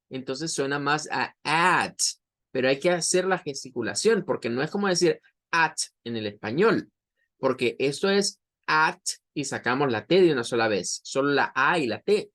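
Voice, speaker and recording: Man, English teacher, slow deliberate explaining, repeats words. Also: a little high, fairly bright tone. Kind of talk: online pronunciation lesson.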